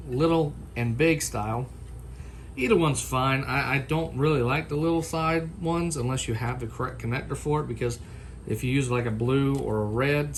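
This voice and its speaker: A man with a mid-range voice does an informal unboxing and comparison vlog at home, talking off the cuff to viewers like a product reviewer. His manner is folksy and unscripted, and there's background noise.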